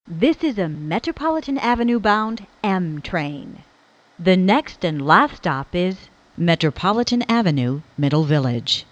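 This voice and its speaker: A woman's voice: mid-range voice, very animated, a little slow, dry recording. A woman reading recorded train announcements in stilted, spliced-together phrases. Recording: dull lo-fi train speaker recording.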